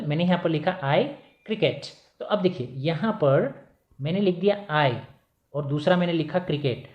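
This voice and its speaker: A male teacher giving a recorded grammar lesson, repeating key points as questions to his pupils and slowing down to dictate definitions. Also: a little high, warm tone. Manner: switches to slow, dictated English for definitions.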